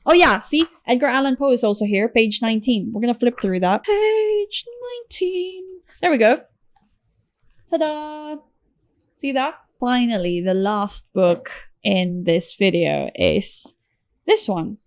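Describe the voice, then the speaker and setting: A woman's voice: fairly high pitch, measured pace, dry recording. A woman chatting casually in a book haul video, chirpy, with playful asides and exclamations. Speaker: book vlogger showing a book haul.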